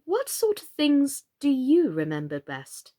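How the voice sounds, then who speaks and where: A woman's voice: high voice, huge pitch swings, unhurried, dark tone, voice pushed up, full character voice. A woman voicing a polite, sensible, slightly timid young storybook girl in a civil, earnest way. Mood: puzzled.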